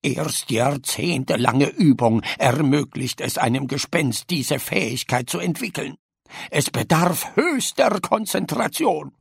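A man's voice: on the high side, animated, creaky, slightly rough, dry recording, studio quality, full character voice. A man voicing a pompous whiny old ghost. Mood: grumbling. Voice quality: lamenting, theatrical moaning. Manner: slow, drawn-out and grumbling.

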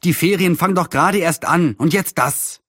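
A man's voice: fairly high pitch, moderate pace, fairly bright tone, no room sound, studio quality, pitched above the performer's own voice. A man voicing an agitated young tomboy girl in a storybook reading, speaking breathlessly. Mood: grumbling.

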